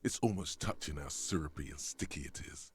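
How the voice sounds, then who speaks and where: An actor narrating a game as a sly, tempting inner voice, slow and teasing, with a gravelly voice. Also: male voice, extremely low pitch, slight background noise.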